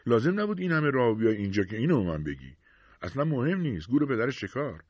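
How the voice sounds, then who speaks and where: A man voicing an easygoing, friendly hunting buddy who talks in a relaxed, reassuring way, in an audiobook reading. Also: mid-range voice, breathy edge, no room sound, muffled recording, pitched above the performer's own voice.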